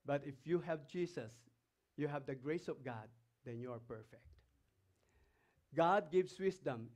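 The pastor here is a man from the Philippines with a Filipino accent and a somewhat high, slightly mellow voice, speaking at a measured pace. In his sermon he reads scripture aloud between remarks and poses emphatic questions to the congregation.

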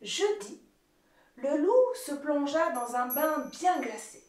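A woman's voice: sits high, big pitch swings, slow pace, background noise. A woman storyteller reading a children's story aloud expressively. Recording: roomy, distant, ukulele music behind.

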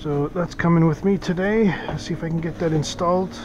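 A man's voice: a little high, steady tone, brisk, highs cut off, noisy background. Rambling man unboxing gear on camera. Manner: rambling, thinks aloud with many fillers. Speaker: boating vlogger. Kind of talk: casual unboxing talk. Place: small office. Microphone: head-mounted camera.

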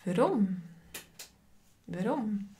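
A woman's voice: medium pitch, animated, drawn-out words, warm tone. A woman teaching a live online language lesson over a video call, patiently greeting students by name and asking how they feel.

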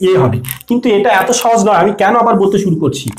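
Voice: medium pitch, expressive, fast talker. Patient exam-prep teacher, asks and answers, roomy echo. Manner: explains patiently, asks questions and answers them. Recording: echoey room.

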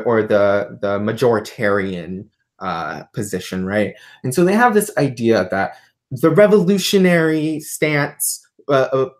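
A woman guest on a livestream, explaining ideas thoughtfully with many fillers and restarts. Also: very deep voice. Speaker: guest, artist and philosophy tutor. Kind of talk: livestream conversation.

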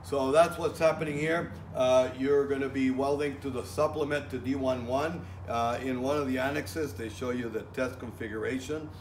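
A man's voice: medium pitch, fairly even intonation, moderate pace, few pauses. Plainspoken middle-aged male welding instructor. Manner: plainspoken, many fillers and restarts, salty asides. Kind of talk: casual outdoor lecture. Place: outdoor welding yard. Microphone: far camera. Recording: echoey, from a distance, faint ambient noise.

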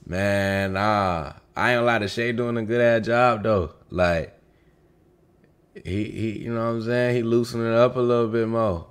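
A man's voice: on the low side, steady tone, moderate pace, clean tone. A man hosting a live stream, reacting to a video in a laid-back, slangy way and talking to his viewers over a headset mic. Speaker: livestream host reacting to a video. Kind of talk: casual live reaction commentary.

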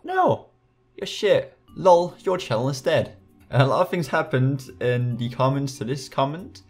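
A young Danish man, a YouTuber with a slight Danish accent, reads comments aloud in a casual vlog from his small bedroom, throwing in sarcastic, laughing asides and restarting often. His mid-range voice swings widely in pitch at an unhurried pace, recorded on a USB desk mic with soft music in the background.

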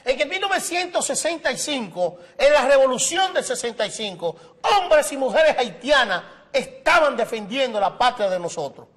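High-pitched Dominican man, heated debate. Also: very animated, moderate pace, few pauses, fairly bright tone. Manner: provocative, interrupting. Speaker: talk show host.

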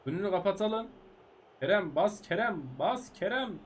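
A man commentating his own football video game career in casual, frustrated bursts, urging his players on and yelling when chances are missed. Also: normal speed, slight background noise. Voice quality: high-pitched, animated. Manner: shouts at players, frustrated, breaks into excited yells. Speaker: gaming YouTuber. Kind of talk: excited live game commentary.

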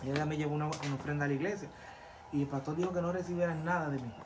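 Un hombre con acento dominicano, invitado en una entrevista, cuenta su historia de forma animada e imita las voces de otros. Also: male voice, a little high, racing. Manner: animated, acts out voices of others when retelling. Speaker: interview guest, former pastor turned vodou priest. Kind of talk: casual storytelling interview. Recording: noisy background.

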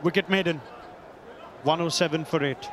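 A man commentating on cricket with lively, emphatic calls. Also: on the high side, normal speed, slight background noise.

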